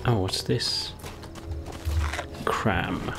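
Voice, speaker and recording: A man's voice: deep voice, drawn-out words, creaky, over music. A man giving casual, wry game commentary, understated, as if muttering to himself. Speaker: let's-play commentator.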